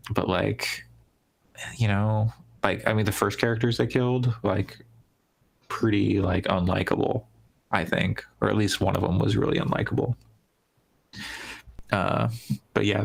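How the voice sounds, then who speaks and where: Podcast co-host, man, very low and creaky, meandering casual talk with many fillers. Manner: rambling, heavy use of "like", trailing restarts. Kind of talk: casual gaming podcast chat.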